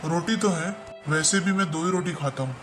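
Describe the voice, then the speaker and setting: A man's voice: on the high side, normal speed, faint music behind, lightly acted. A man playing a weary, resigned old father. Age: older. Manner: soft, resigned. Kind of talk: family drama acting.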